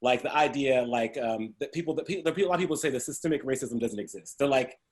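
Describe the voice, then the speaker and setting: A man's voice: medium pitch, fast talker. A middle-aged man telling stories about his life in a casual interview, humorous and often laughing as he talks. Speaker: interview guest. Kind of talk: storytelling in a casual conversation.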